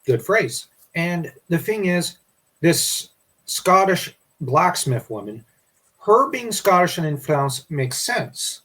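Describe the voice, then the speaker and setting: A man's voice: on the high side, sing-song, takes it slowly, a bit bright, breathy edge. A man co-hosting a casual history discussion, rambling and restarting his sentences. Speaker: podcast co-host.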